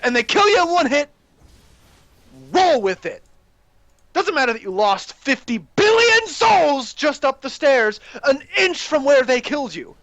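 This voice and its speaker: A young man hosting a rambling, excitable gaming rant that breaks into shouting while he plays. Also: very high voice, measured pace, no echo, dull audio. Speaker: gaming channel host ranting.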